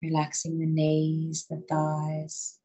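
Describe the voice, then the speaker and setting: A woman guiding a listener through muscle relaxation in a slow, soothing voice. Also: deep voice, completely flat delivery, dark tone, breathy edge. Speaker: relaxation guide. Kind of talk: guided relaxation.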